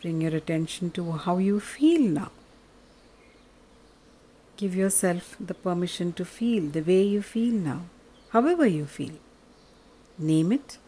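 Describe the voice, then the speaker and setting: A woman leading a guided meditation in a soft, calm, soothing way, leaving long pauses. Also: fairly low pitch, slightly rough.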